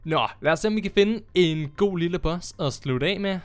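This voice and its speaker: A young man chatting casually as he plays a game on his channel, excitable and quick to laugh. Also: high voice, clean tone. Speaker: gaming YouTuber. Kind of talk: casual Minecraft commentary.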